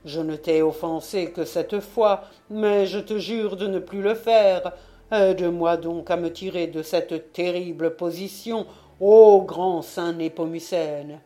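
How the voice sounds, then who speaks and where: Scared church sacristan guy, loud and pleading, woman reading it, slow, dark-toned. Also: fairly low pitch, fairly even intonation, natural voice. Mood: terrified. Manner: pleading, raising his voice. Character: frightened anxious male church sacristan.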